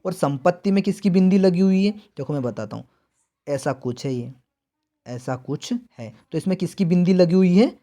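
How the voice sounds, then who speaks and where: A man teaching a Hindi exam-prep lesson in a chatty way, asking questions and then answering them himself, and drawing out key words slowly to stress them. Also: sits high, expressive, dark tone.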